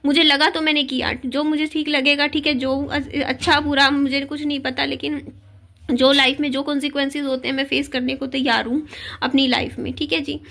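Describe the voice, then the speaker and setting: A woman's voice: sits high, flat delivery, fairly quick, vocal fry, fairly bright tone. A woman vlogging a heartfelt personal confession to her viewers, talking earnestly with frequent fillers and restarts, her throat a little sore. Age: adult (widowed). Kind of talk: personal video message to viewers.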